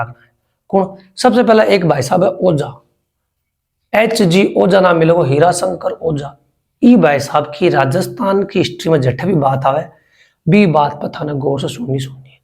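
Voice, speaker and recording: A man's voice: on the high side, a little mellow. A man with a Rajasthani accent teaching a history lesson for exam preparation, repeating key words and joking with students. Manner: chatty, jokes with students.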